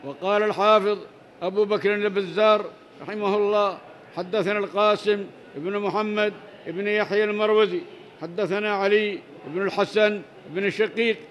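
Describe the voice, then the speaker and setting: A man's voice: sits high, steady tone, moderate pace, fairly bright tone, lo-fi sound. A man teaching a religious lesson, reading narrator chains and texts aloud, then explaining them in plain words and adding short prayers. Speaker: Islamic teacher reading hadith.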